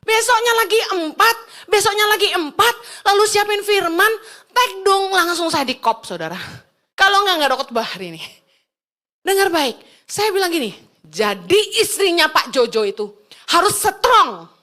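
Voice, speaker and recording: A woman pastor preaching an animated sermon and telling stories about her family. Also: moderate pace. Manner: animated, swings between loud and low. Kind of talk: lively sermon with anecdotes.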